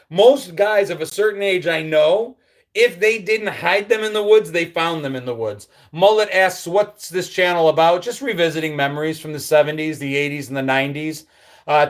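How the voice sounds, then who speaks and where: Here a livestream host, a middle-aged man from upstate New York, goes through viewer comments one by one and replies, drifting into easygoing memories. His somewhat high voice carries a nostalgic ease, punctuated by frequent ums and endings that soften and drop away.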